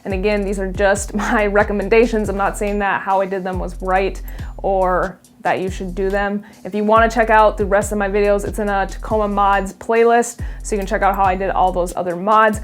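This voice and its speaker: A woman's voice: medium pitch, little pitch movement, fairly quick, soft background music. A young woman from Minnesota vlogging casually about her truck mods, chatty and enthusiastic, with lots of fillers and restarts. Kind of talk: casual vlog talk.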